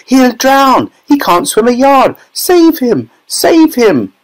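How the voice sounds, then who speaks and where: A bossy, overwrought storybook mother, acted out by a man, pitched far up. She is shrill and scolding, always in a flap. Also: lively intonation, normal speed. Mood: frantic. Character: frantic bossy mother, shrill adult woman. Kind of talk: audiobook children's story character voice.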